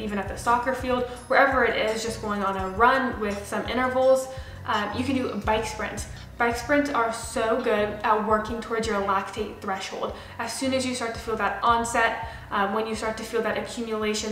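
A young woman with a higher-pitched, slightly bright voice hosts and coaches fitness, giving explanatory advice straight to camera in a casual, direct way. She's in a small, bare indoor room with a window, where the sound is roomy and echoey, with background music running underneath.

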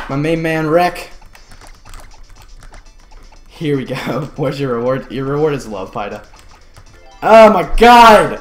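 A male live streamer reacting to his gameplay, loud, excited and heavily profane. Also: a little high, echoey room.

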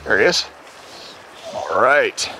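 Hosting an outdoor fishing show, a thirty-something man talks cheerfully as he wades a small river, perking up with excitement at every bite. He speaks slowly at a medium pitch, over a little hiss or hum.

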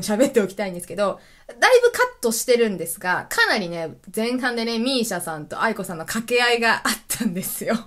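Woman host with a stuffy nose, casual excited monologue, animated pitch. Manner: lively, enthusiastic, laughs often. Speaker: web radio host. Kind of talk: solo casual radio talk.

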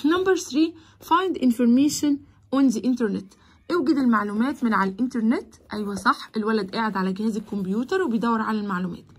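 Breathy, high-voiced Egyptian woman teaching English. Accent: Egyptian Arabic. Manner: switches between Arabic explanation and slow, drawn-out English words. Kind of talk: explaining a primary school English lesson.

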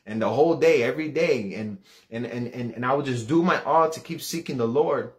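A man's voice: medium pitch, brisk. Earnest man in his thirties giving fervent testimony. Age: 30s. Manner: earnest and fervent, repeating words and voice rising when retelling. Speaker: preacher sharing testimony. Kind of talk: impassioned personal testimony.

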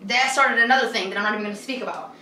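High bright-voiced chatty woman vlogger. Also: rapid-fire, far from the mic, a little hiss or hum. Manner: chatty, animated, laughs often. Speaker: lifestyle vlogger. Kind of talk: casual home vlog. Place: indoors in her apartment. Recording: roomy echo, away from the mic.

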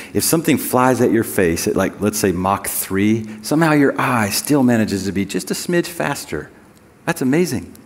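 A man preaching a sermon as pastor, conversational with joking asides, and reading scripture slowly and deliberately. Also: fairly low pitch, big-room sound.

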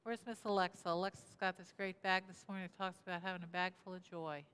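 This sixty-something pastor talks fast in a level tone, her lowish voice a bit bright, clear and resonant. At a lectern in the church sanctuary, she asks her congregation questions and repeats what they answer. She is picked up by a lectern mic, with a camera at mid distance, and the hall is reverberant.

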